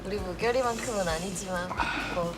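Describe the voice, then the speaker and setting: A woman's voice: mid-range voice, brisk, lightly acted. An actress playing an adoring young woman gossiping casually with friends in a screen drama. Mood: admiring. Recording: loud music over the dialogue.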